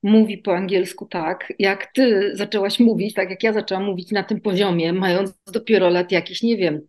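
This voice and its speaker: A woman's voice: medium pitch, fairly even intonation, moderate pace, a little mellow. A woman in her forties from Poland, answering interview questions in a chatty way with many fillers. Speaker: interview guest, emigrant mother.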